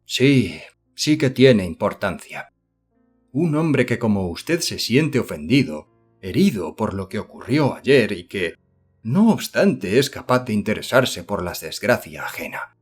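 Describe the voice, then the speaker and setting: A man voicing an earnest, excitable young idealist who speaks eagerly and effusively in an audiobook. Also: lowish voice, measured pace, husky, soft background music, heavily acted.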